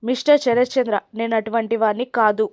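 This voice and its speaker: A woman's voice: fairly high pitch, steady tone, a little fast, darkish tone, no room sound, clean studio sound, natural voice. A woman reading an accused young husband. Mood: defensive. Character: young husband wrongly accused, pleading innocence.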